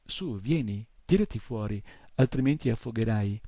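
A man's voice: lowish voice, expressive, moderate pace, mellow, no echo. A man voicing a brave young hero in an audiobook reading, speaking urgently and pleadingly.

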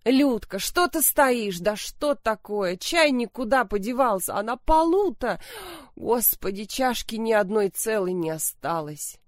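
A woman's voice: a little high, lively intonation, a little slow, no room sound, studio quality. A woman voicing a fussy, anxious older mother in a narrated story. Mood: flustered. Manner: fussy, flustered. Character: fussing anxious older mother, doting on one daughter.

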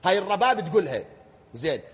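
A man with an Iraqi Arabic accent preaching a mourning sermon from the pulpit, moving between low quiet talk and loud, shouted, drawn-out lines. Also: sing-song, slightly rough. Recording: dull sound, long hall reverb.

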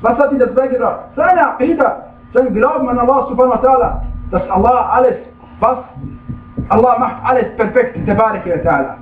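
A man's voice: extremely high pitch, a little fast, recorded from a distance, a little hiss or hum. Man, preacher, emphatic lecture, frequent questions to listeners, echoey room, tinny phone-like sound. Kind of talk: religious lecture.

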